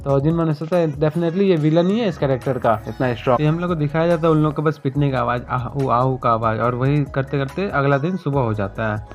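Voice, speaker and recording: A man's voice: fast, hardly any pauses. A man retelling a manhua story in casual, colloquial speech, briefly voicing the characters' lines. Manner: colloquial, voices characters' lines with shifts in pitch. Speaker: manhua recap narrator. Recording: dull lo-fi voice-over with faint music.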